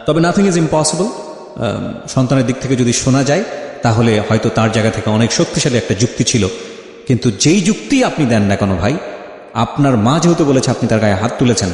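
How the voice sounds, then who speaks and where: The host of a life-story interview, a man with a mid-range, darkish voice, questions his guest and addresses the audience emphatically, repeating phrases for emphasis. The sound is very echoey, with long reverb.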